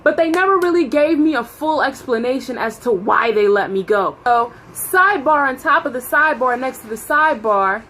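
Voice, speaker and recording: A woman telling a casual, gossipy storytime into her phone, animated, with dramatic emphasis and acted-out dialogue. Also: high voice, moderate pace, hardly any pauses, a little hiss or hum. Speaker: vlogger telling a personal story.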